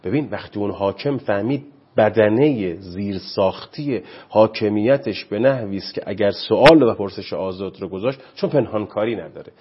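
A man's voice: fairly low pitch, hardly any pauses, husky, lo-fi sound. A man speaking as a guest on parenting, preachy and impassioned, often quoting scripture. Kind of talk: animated studio talk.

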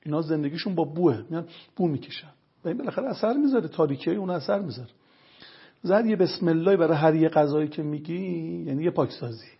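A man's voice: a little high, vocal fry, husky, highs cut off. A man talking as a guest lecturer, explaining earnest points one by one and telling stories to make them. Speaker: religious health lecturer guest. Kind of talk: explanatory storytelling talk.

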